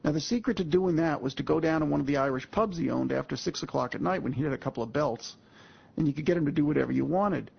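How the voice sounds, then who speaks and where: A man in his sixties appears as a guest speaker, telling a personal story in a folksy, emphatic style and speaking straight to his audience. His voice is on the high side, creaky, and husky, he talks fast, and the lo-fi audio is muffled.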